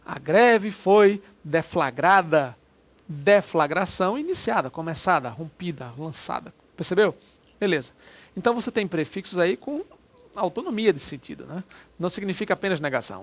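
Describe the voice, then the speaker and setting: A man's voice: high-pitched, a bit bright. A man with a Brazilian Portuguese accent teaching an exam-prep lesson, chatty and often checking in with the listener. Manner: chatty, prods the listener with quick check-ins. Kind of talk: lecture explaining exam questions.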